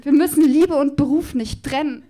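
A woman's voice: sits high, normal speed, dark tone. A woman performing her own comic spoken-word love poem live, with a playful, rhythmic, mock-passionate delivery. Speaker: poetry slam performer.

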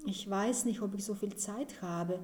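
Author reading unsure young woman, hesitant, mellow tone, roomy sound. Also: mid-range voice, measured pace, natural voice. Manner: hesitant, uncertain.

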